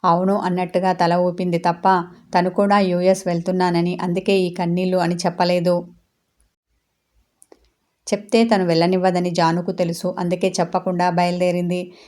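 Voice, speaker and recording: Even-voiced woman storyteller. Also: lowish voice, normal speed. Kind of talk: serialized audio story narration.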